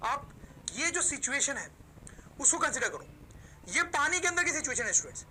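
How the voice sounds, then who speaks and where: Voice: sits high, big pitch swings, bright, forceful tone, slight background noise, low-quality recording. A woman teacher from Pakistan giving a recorded video lecture, calling out to her students again and again and answering her own questions. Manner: explains slowly, poses questions and answers them herself; addresses the listeners as "students" almost every sentence.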